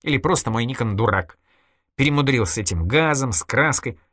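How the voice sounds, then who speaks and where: A man voicing a calm, mocking female killer. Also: mid-range voice, fairly quick, no echo, clean studio sound, pitched above the performer's own voice.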